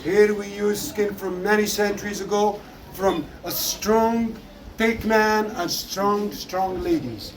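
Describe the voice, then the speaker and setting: A man's voice: high voice, extremely slow, a little hiss or hum. A man guiding visitors through a tannery in broken English, emphatic and joking. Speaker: tannery guide. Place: outdoors at a leather tannery. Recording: distant mic, faint ambience.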